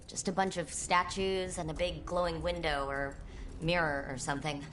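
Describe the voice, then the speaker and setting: An actress playing a practical, questioning young adventurer in a video game, casual and matter-of-fact. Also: female voice, deep voice, steady tone, normal speed, close to an everyday voice. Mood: cautious, curious. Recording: loud music behind the voice.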